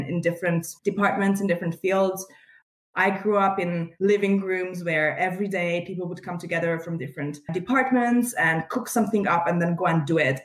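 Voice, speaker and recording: A woman in her thirties from Hungary, a guest explaining at length in a relaxed, chatty way over a video call. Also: on the low side, reverberant. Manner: chatty, laughs easily, thoughtful explanations. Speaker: guest, community founder.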